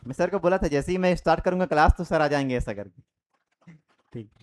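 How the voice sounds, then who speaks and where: A man's voice: on the high side, fast. A young man teaching an online Hindi grammar lesson, explaining step by step and demonstrating vowel sounds aloud. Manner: explains step by step with repeated checks.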